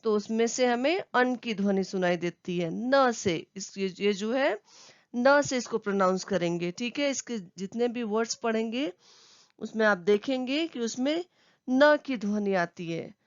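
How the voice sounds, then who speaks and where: A woman's voice: on the high side, lively intonation, measured pace, no room sound, muffled recording. A woman teacher giving a lesson to children, explaining patiently step by step.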